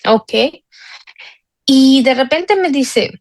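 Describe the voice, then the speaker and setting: A woman's voice: high-pitched, animated, drawn-out words, no echo. Earnest woman confiding a testimony. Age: 40s. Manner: earnest and confiding, with frequent fillers and tag questions. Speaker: guest sharing a healing testimony. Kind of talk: personal testimony.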